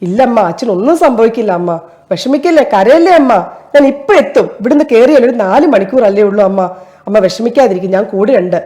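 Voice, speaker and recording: A woman's voice: fairly high pitch, animated, fast talker, dark tone, close to an everyday voice. A woman performing a one-person stage monologue as a desperate stranded traveler at an airport, pleading in a tearful, breaking voice. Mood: soothing, anxious.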